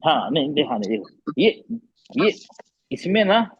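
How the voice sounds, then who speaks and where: A man's voice: on the high side, big pitch swings, unhurried, slightly rough, highs cut off. A man teaching Quran recitation in an online class, patiently repeating letter sounds for students to echo.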